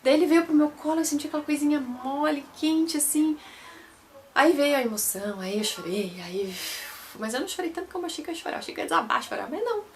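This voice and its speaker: A woman's voice: high-pitched, expressive, quick pace, slight background noise. A young Brazilian woman telling her own story to camera in a chatty way, often repeating and correcting herself. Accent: Brazilian Portuguese. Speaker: vlogger.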